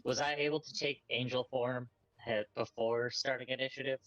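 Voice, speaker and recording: A man's voice: mid-range voice, fairly even intonation, normal speed, fairly bright tone, no echo, dull audio. A man playing a tabletop role-playing game, talking casually through his moves.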